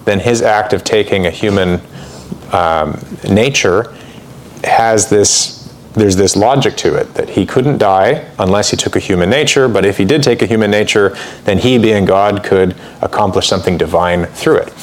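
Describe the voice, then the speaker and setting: Teaching church history informally, a man with a voice on the low side speaks at a moderate pace, chatting with fillers and asides and lending more emphasis when he reads quotations aloud.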